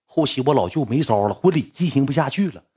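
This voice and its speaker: Husky Northeastern Chinese man telling a story. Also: medium pitch, quick pace. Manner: lively, chatty, dialect-heavy. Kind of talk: casual comic storytelling.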